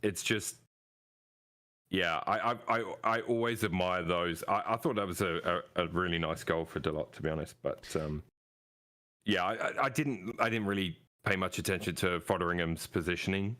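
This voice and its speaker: A man's voice: deep voice, moderate pace, bright, forceful tone. A man co-hosting a casual football podcast, easygoing, with stammering restarts.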